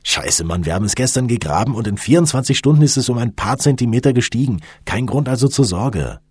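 A man playing a brash young male ringleader who brushes off worries quickly in a raised voice. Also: medium pitch, lively intonation, darkish tone, breathy edge, no echo, studio quality, voice pushed up. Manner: brash, reassuring, fast.

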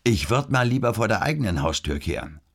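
A man reading an audiobook and voicing a self-assured, teasing male doctor who is a womanizer, with a husky voice. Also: on the low side, big pitch swings, brisk, voice pushed up. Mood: smug. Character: smug middle-aged male doctor, womanizer. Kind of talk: audiobook character voice.

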